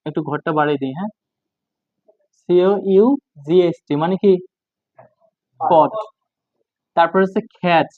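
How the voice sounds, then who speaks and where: A man runs a casual English lesson, repeating each phrase and quizzing his listeners as he goes. His voice sits high, and the English examples come slow and spelled out. The sound is tinny and dry, close and narrow like a phone line. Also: no echo. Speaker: English teacher.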